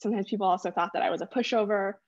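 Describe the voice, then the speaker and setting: A young woman speaking as a panel guest, thoughtful and measured, with some filler words. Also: mid-range voice, a little mellow, no echo, dull audio. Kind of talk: reflective panel discussion.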